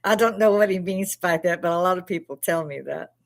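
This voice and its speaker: Her voice is fairly low, brisk and creaky: an older woman from Chicago, with the accent to match, hosting a live stream. She drifts through rambling stories full of laughter and plenty of swearing, all in a casual chatty way.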